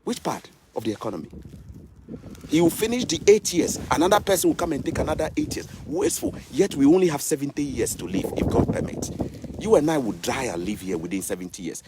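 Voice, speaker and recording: A man's voice: on the high side, noisy background. Fired-up Ghanaian man ranting outdoors. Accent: Ghanaian English. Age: 30s. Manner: preachy, repetitive, rhetorical questions. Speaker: vlogger. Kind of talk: impassioned political rant to camera. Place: outdoors in snow.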